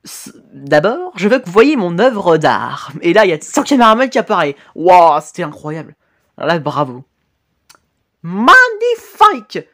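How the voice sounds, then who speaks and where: A man hosting a casual video reaction, excitable, often swearing and exclaiming at the screen, with frequent hesitant fillers and self-corrections. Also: sits high, moderate pace. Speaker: YouTube reaction host.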